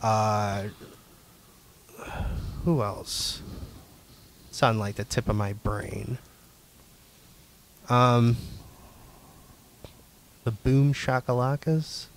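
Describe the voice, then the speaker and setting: A man's voice: medium pitch, steady tone, extremely slow, pauses often, a little hiss or hum. A man in a casual music chat, laid-back and often searching for words.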